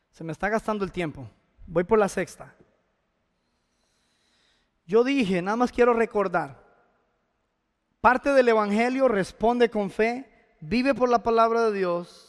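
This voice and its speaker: A male pastor preaches in a conversational way, asking his listeners questions. His voice sits unusually high for a man. The church hall around him adds a long, trailing reverb. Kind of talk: sermon.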